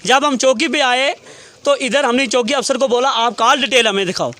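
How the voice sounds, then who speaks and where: High-voiced man telling a long account. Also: moderate pace, pushed and bright. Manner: detailed storytelling that quotes what each person said. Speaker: relative of a murder victim speaking to a reporter. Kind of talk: recounting events in an interview.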